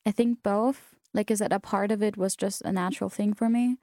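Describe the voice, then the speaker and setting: Chatting in an interview, a young adult woman from South Tyrol, Italy, a native German speaker, tells casual stories packed with fillers and restarts. She talks a little fast in a warm, steady mid-range voice, recorded cleanly in a studio with no room sound.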